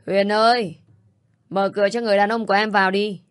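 A drunken young man, voiced by a woman storyteller in a storybook reading, calling loudly and then mumbling in slurred pleas. The voice sits fairly low. The recording is close and dry. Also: a little slow, no room sound. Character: drunk remorseful young man, pleading, brash.

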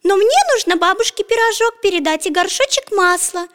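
A woman's voice: extremely high pitch, animated, brisk, a bit bright, voice pushed up. A woman voicing a polite, naive little girl in a children's story, wide-eyed and courteous. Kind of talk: storybook reading. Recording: long echoing reverb.

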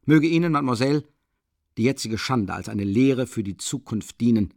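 A smug, self-important gentleman lectures in a condescending, pompous tone, as a male audiobook reader puts him on. He sounds close and dry, with no room around him. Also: medium pitch, expressive, moderate pace, dry recording. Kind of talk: audiobook character voice.

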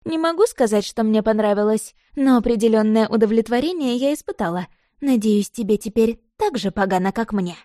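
A woman reading the part of a jealous, desperate young woman, voicing her shrill and pleading in an audiobook. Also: expressive, fairly quick, warm tone, dry recording, studio quality, lightly acted. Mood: heated, pleading. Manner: shrill, pleading then furious.

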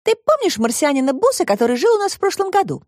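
A woman reader voicing a bold, inventive little girl in an audiobook, with a high, eager childlike delivery. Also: big pitch swings, quick pace, darkish tone, dry recording, clean studio sound. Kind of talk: audiobook reading.

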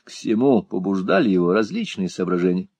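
Expressive male audiobook narrator. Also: deep voice, fairly quick, slightly rough, no room sound. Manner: expressive, theatrical reading.

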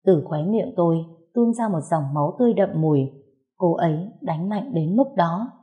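A woman's voice: lowish voice, expressive, normal speed, phone-quality sound. A woman reading a first-person story aloud, expressively and with emotion.

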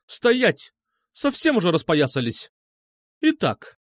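A man voicing a stern, booming woman head teacher who barks commands. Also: very animated, normal speed, dry recording, studio quality. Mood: furious. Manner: barking, commanding.

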